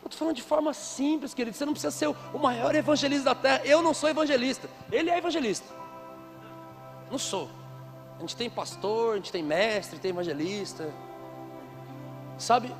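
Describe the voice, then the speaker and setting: High-voiced man preaching. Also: a little fast, long pauses, soft background music. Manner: lively storytelling with playful asides. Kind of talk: conference sermon.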